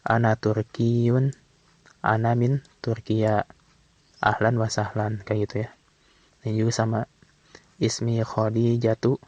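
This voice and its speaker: A man teaching from an Arabic textbook in a casual way, reading phrases slowly and then explaining them quickly. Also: lowish voice, a little mellow, no room sound. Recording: dull, slightly lo-fi sound.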